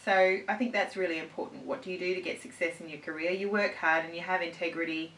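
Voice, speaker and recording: A woman's voice: fairly low pitch, steady tone, fast, a bit bright. Woman, 30s, beauty vlog host, chatty Q&A, roomy distant camera mic. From born in the USA, raised in Australia. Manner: chatty and upbeat, answers at length. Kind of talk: casual Q&A chat. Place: indoors at home on a couch.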